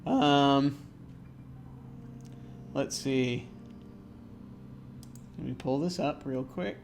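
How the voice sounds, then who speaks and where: A man running a tabletop game as game master, describing scenes with frequent pauses and restarts. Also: mid-range voice, a little mellow, a little hiss or hum. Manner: hesitant, many fillers and restarts.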